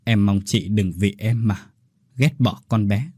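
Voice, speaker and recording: Man doing soft dying old lady, gentle, remorseful, low and husky. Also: unhurried, dry recording, studio quality. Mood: tender. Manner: soft and tender.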